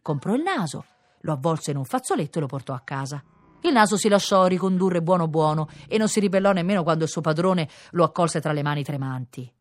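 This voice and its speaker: Low expressive woman reading a fairy tale. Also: brisk, no echo. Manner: expressive, playful narration. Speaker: reader. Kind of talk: storybook reading for radio.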